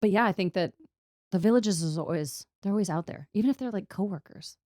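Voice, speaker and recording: A woman's voice: mid-range voice, brisk, darkish tone, dry recording, clean studio sound. A woman co-hosting a casual podcast, rambling and laughing often as she chats with her co-host. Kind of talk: casual chat.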